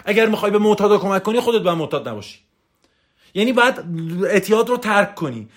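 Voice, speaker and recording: A man's voice: sits high, expressive. A man giving a motivational coaching talk in a voice message, emphatic and preachy, hammering points home through repetition.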